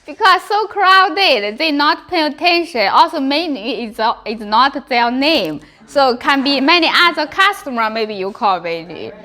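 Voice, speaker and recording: Woman, Chinese accent, bright forceful voice, slow measured teaching, choppy simple English, frequent check-ins. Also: high voice, animated. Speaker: language teacher. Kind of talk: classroom Chinese lesson with repeated example words.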